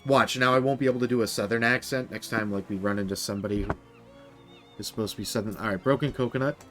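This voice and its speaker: A man's voice: fairly low pitch, steady tone, fast talker, over music. A man chatting casually through a let's play, with rambling, self-mocking asides. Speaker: gamer.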